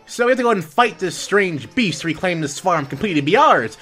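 A woman with a lowish, slightly bright voice talks fast and with lots of animation while hosting a let's play. She chats casually, corrects herself as she goes, and reads game dialogue aloud over game music.

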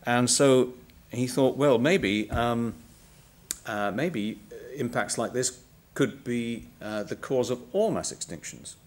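A middle-aged man giving a public science lecture, measured and halting, with frequent ums and uhs. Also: mid-range voice, animated.

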